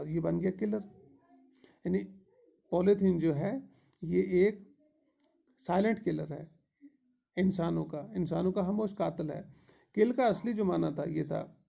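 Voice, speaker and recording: A man with a Kashmiri accent, teaching an English grammar lesson, explaining each word slowly and step by step. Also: sits high, vocal fry, warm tone. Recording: dull lo-fi recording.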